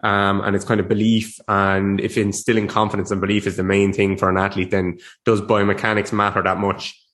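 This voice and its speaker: A young man hosts his podcast in a casual, rambling chat with restarts and laughs, sounding a little sniffly from a cold. His voice is lowish and a bit bright, with flat delivery and a slightly fast pace.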